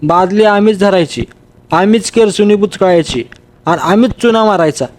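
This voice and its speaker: A man's voice: high-pitched, moderate pace, close to an everyday voice. A man voicing a lazy, cross-eyed male laborer who coaxes and complains. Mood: complaining. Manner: coaxing, complaining, calls everyone sir.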